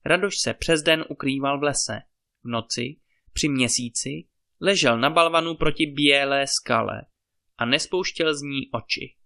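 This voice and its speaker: A man reading a fairy tale aloud as a storyteller, in calm, measured narration. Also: mid-range voice, creaky.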